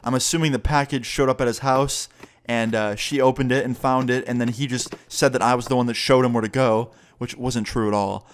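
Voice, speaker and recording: A young man recounting a personal story in a loose, conversational way. He swears freely and plays out both sides of each exchange, at an ordinary pitch for a man. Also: fairly even intonation, fairly quick. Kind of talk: casual storytime narration.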